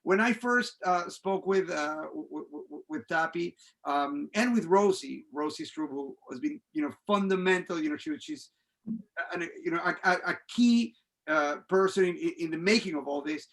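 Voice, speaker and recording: A Venezuelan playwright and director whose first language is Spanish speaks on a panel in a halting way, restarting often and using many fillers. His high voice is animated and fairly bright, with some vocal fry.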